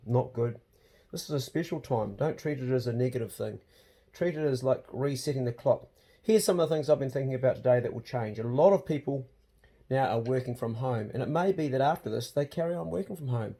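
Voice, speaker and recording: Mellow man with a broad Kiwi accent. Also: mid-range voice. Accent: broad New Zealand. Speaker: vlog host. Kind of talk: casual vlog chat.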